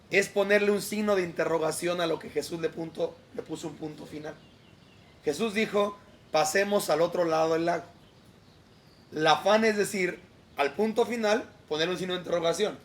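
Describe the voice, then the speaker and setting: High-voiced Mexican pastor preaching outdoors. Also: male voice. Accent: Mexican Spanish. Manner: conversational preaching, often checking in with "¿sí?". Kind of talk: outdoor devotional sermon. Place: outdoors beside a lake.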